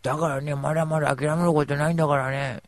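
A man voicing an excitable friend who gushes in a campy, feminine way of talking. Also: fairly high pitch, fast talker, no room sound, studio quality, pitched above the performer's own voice, natural voice. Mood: excited.

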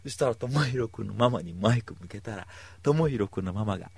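A man telling stories in a casual monologue, animated, acting out other people's lines in voices. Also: lowish voice, a little fast, gravelly, a little hiss or hum.

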